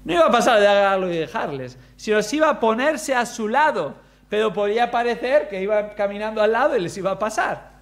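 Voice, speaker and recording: A man preaching a sermon, expressive, using rhetorical questions and shifting pace for emphasis. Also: high-pitched, brisk.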